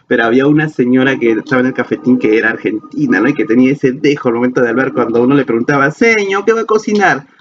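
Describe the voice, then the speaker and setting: Playful teacher guy from peru, asks and answers himself, kinda dull lo-fi sound w faint hum behind. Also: mid-range voice. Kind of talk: classroom lecture video.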